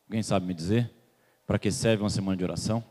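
Speaking fast in a fairly low, steady, warm voice, this preacher from Salvador, Bahia, Brazil, puts questions to his congregation and pauses for replies. The church hall gives the recording a long reverb.

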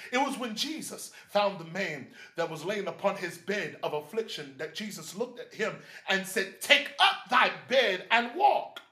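Man, preacher, fervent rhythmic sermon, repeated refrains, high bright voice, echoey room.

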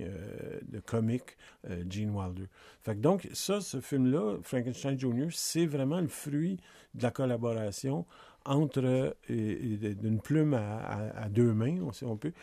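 A man's voice: medium pitch, vocal fry, warm tone, no room sound. A man with a Quebec French accent co-hosting a podcast, talking casually about films with many restarts and fillers. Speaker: podcast co-host. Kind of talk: casual film discussion.

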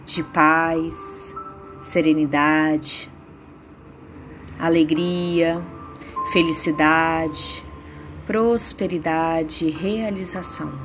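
A woman guiding a meditation with affirmations in a soothing, unhurried way, leaving pauses between phrases. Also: low voice, steady tone. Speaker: meditation guide. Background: soft background music.

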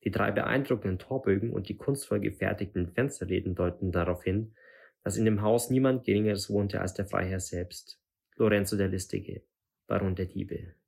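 A man reading a fantasy novel aloud in a measured, suspenseful way. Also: lowish voice, fairly even intonation, vocal fry, a little mellow, slightly rough. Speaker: audiobook reader.

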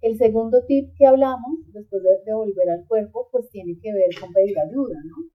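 A woman's voice: a little high, normal speed. Earnest woman over a tinny line. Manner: earnest, gives examples in quoted voices. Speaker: podcast guest, migrant coach. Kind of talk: reflective conversational advice.

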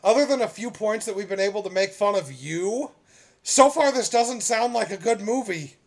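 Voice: mid-range voice, animated, moderate pace, creaky. A podcast co-host in casual chat, teasing the host with heavy swearing. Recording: loud chatter in the background.

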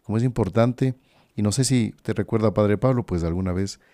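A priest speaks in a low, mellow voice on a podcast, reflective and conversational. The sound is dry and close, with no room around it. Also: male voice, brisk, no echo. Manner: reflective, conversational, often asks "¿no?".

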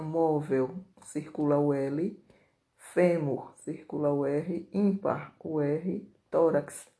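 A teacher, slowly reading out workbook corrections and dictating answers word by word. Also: medium pitch, mellow.

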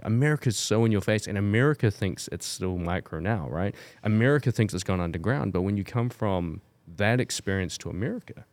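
A man's voice: deep voice, no echo. A young man with a New Zealand accent, telling stories in a casual podcast chat, tagging lines with "bro" and "right?". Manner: animated storytelling, says "bro" and "right?". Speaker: podcast co-host.

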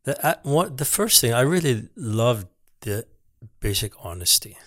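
A man's voice: medium pitch, sing-song, measured pace, a bit bright, no room sound, clean studio sound. A man, a sculptor being interviewed on a podcast, talking reflectively with many restarts. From United States. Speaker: guest, sculptor. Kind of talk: casual podcast conversation.

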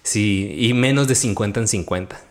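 Man telling a lively faith story. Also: lowish voice, normal speed. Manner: animated storytelling, quotes his own prayers. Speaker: devotional podcast host. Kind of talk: conversational testimony.

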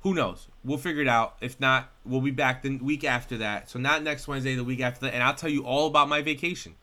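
A man co-hosting a podcast in casual chat, excitable and rambling, swearing often. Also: medium pitch, quick pace. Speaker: podcast co-host.

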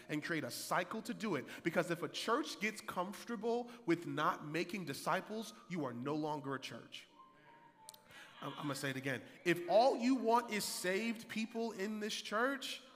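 Man, 30s, pastor preaching, high-ish bright voice, long hall echo. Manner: energetic preaching, rising loud and high for emphasis, repeats key lines. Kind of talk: sermon. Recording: hall reverb.

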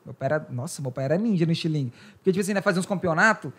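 A man's voice: a little high, animated, racing, fairly bright tone, slightly rough. A young Brazilian man chatting casually as a podcast co-host, talking in sweary street slang. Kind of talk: casual chat.

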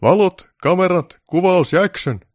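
A man's voice: mid-range voice, very animated, darkish tone, no room sound, clean studio sound, voice pushed up, natural voice. A man voicing a pompous, snobbish male film director who barks orders in a haughty, raised voice. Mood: shouting.

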